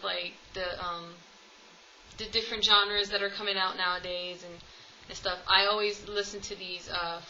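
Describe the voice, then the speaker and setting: A woman in her twenties from the United States vlogs casually to camera at home with her cats, rambling through a tag video with lots of ums. Her mid-range voice is bright and forceful, though the recording cuts off the highs and carries a little hiss or hum.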